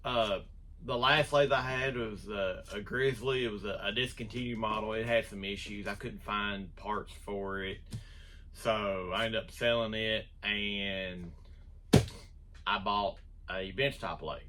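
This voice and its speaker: A man's voice: on the low side, steady tone, unhurried, pushed and bright, a little hiss or hum. A man hosting his woodworking channel, talking casually and rambling through an unboxing in his shop. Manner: rambling, self-deprecating, restarts often. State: out of breath.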